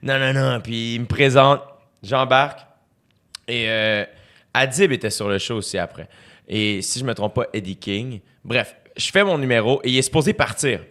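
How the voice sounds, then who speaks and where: A man's voice: mid-range voice, normal speed. Quebec man telling a story. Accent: Quebec French. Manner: animated anecdotes, acts out quotes. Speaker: podcast host. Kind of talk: casual storytelling.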